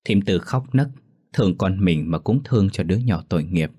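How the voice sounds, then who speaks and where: A man narrating a ghost story in a steady, somber reading. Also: sits low, moderate pace, husky.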